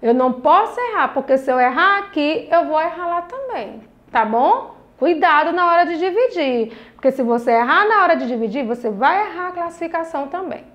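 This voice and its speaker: Her voice is very high-pitched with big pitch swings, fairly quick with few pauses, and captured in lo-fi sound. This young Brazilian primary school teacher, with a Brazilian Portuguese accent, records a lesson for children, staying patient and encouraging and drawing out each syllable of words.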